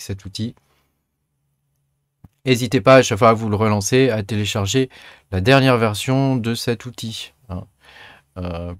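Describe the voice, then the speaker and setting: A man hosting a software tutorial, chatting through each step with many filler sounds. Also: mid-range voice, no echo, clean studio sound. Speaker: tutorial host. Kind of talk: screen-recorded software tutorial.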